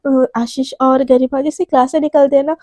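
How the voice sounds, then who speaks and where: Woman narrator for a casual spoken love story, high and dark-toned. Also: level tone, moderate pace, dry recording. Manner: chatty, full of fillers and restarts.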